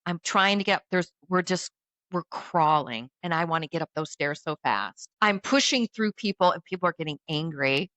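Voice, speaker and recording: A woman telling a dramatic personal story in casual chat, animated and acting out the voices of others. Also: lowish voice, normal speed, no echo. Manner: animated, acts out quoted voices.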